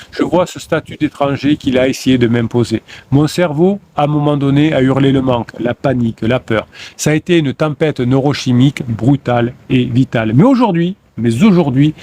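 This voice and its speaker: A man's voice: mid-range voice, darkish tone, slight background noise. Man reciting bold affirmations. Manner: declamatory, repetitive affirmations. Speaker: motivational coach. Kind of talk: first-person affirmations.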